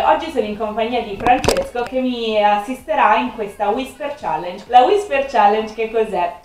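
A woman in her thirties casually presenting a challenge video in an animated manner. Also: fairly high pitch. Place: small room, on a sofa indoors. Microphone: camera microphone at a distance. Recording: echoey room, distant camera microphone.

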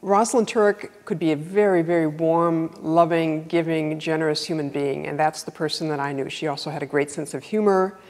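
Deep-voiced woman telling fond stories. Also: steady tone, fairly quick, hardly any pauses, long reverb tail. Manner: warm storytelling, affectionate. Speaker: guitarist and former student. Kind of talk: anecdotal testimonial.

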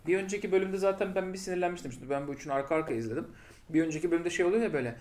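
A man's voice: fairly high pitch, very fast, a little mellow. A man co-hosting a casual review chat, mocking and sarcastic. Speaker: podcast co-host.

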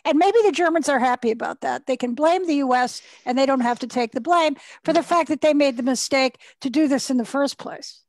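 A woman's voice: sits high, brisk, few pauses, dry recording. A woman speaking as a journalist on a discussion panel, direct and opinionated in a conversational way.

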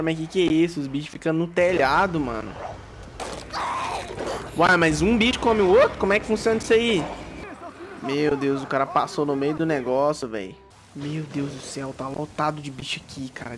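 A young man with a Brazilian Portuguese accent chatters through a let's play in slangy, profane commentary. His voice sits fairly high for a man and jumps into sharp yelps and shouts at every scare. A faint hiss stays under the recording. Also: normal speed. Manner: jumpy, yelps and shouts when startled, slangy and swearing. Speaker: gaming YouTuber.

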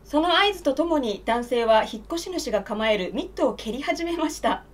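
A woman's voice: high voice, lively intonation, normal speed. A young woman reading scripted mock news as a newscaster in formal style. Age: young adult. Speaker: comedy newscaster.

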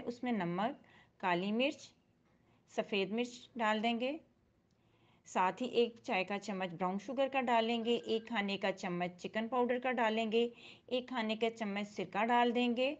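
A woman hosting a cooking channel, talking calmly through a recipe step by step in a voice-over. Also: fairly high pitch, highs cut off. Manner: calm step-by-step instruction. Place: voice-over, not recorded in the pictured kitchen.

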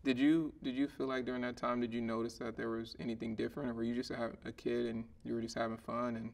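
A man in his thirties hosting a podcast interview, chatty and relaxed, laughing easily as he asks questions. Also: mid-range voice, fast talker, gravelly. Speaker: podcast host. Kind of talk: casual interview. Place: living room set.

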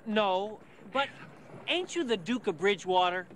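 A man's voice: sits high, expressive, unhurried. An actor in his twenties playing an easygoing, plain-spoken young country fellow, folksy and casual, in a period film. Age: 20s. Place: outdoor riverboat landing. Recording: noisy outdoor river landing.

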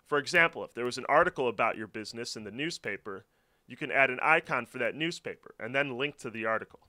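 Bright, lively male tutorial voice. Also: medium pitch, fast talker. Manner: clear step-by-step instructional. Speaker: tutorial narrator. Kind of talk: scripted screen-recording walkthrough. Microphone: voice-over.

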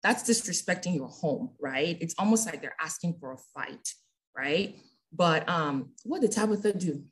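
A woman with a somewhat low voice teaches scripture in a relaxed, conversational way. She keeps checking in with her listeners with a quick "right?", heard over a group call. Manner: chatty, ends phrases with "right?". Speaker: bible study leader.

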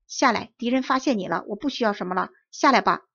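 Storybook cavalry officer, stern and commanding, read by a woman with a gravelly voice. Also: medium pitch, brisk, no room sound, muffled recording. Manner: urgent barked commands.

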